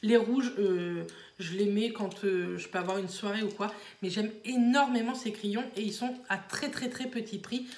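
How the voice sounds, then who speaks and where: A woman's voice: mid-range voice, fairly even intonation, moderate pace, a little mellow, echoey room, a little hiss or hum. A woman beauty vlogger chatting casually to camera, rambling with many fillers, at home. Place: small room at home.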